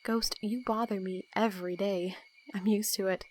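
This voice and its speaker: Crickets and clear background noise surround a guarded, dry-witted young woman, played by an actress in an audio drama, who talks bluntly and teasingly in casual conversation. Here her medium-pitched, natural voice moves at a moderate pace with fairly even intonation, sounding sincere and subdued.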